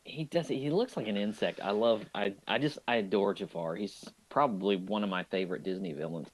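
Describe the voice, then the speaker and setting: A man co-hosting a movie podcast, chatting casually and enthusiastically about an animated film, often restarting his sentences. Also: lowish voice, a little fast, slightly rough, poor audio. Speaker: podcast co-host.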